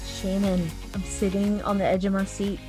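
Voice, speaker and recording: A woman's voice: mid-range voice, little pitch movement, moderate pace, over music, poor audio. A young woman co-hosting a podcast, joking and teasing. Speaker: podcast co-host. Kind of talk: casual podcast chat.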